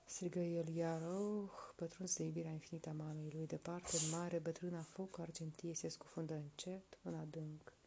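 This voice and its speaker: A woman reading a folk tale aloud in a soft, slow, hushed narration. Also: low-pitched, little pitch movement, vocal fry, slight background noise. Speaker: storyteller.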